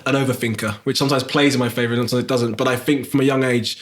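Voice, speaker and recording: A man's voice: mid-range voice, fairly even intonation, very fast. A man in his thirties with a South London accent, a guest in a podcast interview, talking reflectively with many fillers and restarts. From England. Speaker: guest, graphic designer.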